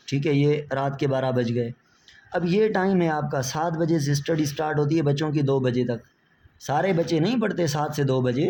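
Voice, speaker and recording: A man's voice: on the high side, a little mellow, a little hiss or hum. A man, a biology teacher giving friendly, reassuring exam-prep advice and mixing in English words.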